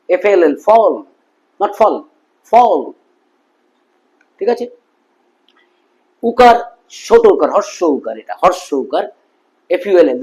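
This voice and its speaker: A middle-aged man with a Bengali accent teaching English pronunciation, repeating words slowly as drills. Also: high-pitched, darkish tone, rough recording. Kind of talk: classroom-style spoken lesson.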